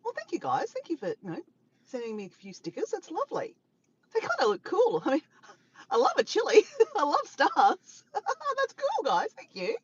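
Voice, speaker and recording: An Australian woman chats casually on a live stream, rambling, laughing often, greeting viewers and reading out their comments. Her voice is extremely high with huge pitch swings, her pace is moderate, and the audio sounds dull.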